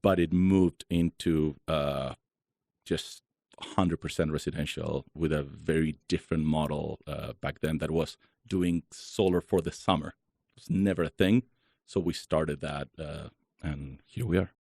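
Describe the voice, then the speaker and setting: A man from Chile speaks in a very deep, gravelly voice, relaxed and chatty, with lots of "uh" fillers as he talks. He is recorded close on a dry mic with no room sound. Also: unhurried, no echo. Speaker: guest, solar company founder. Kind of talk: casual interview talk.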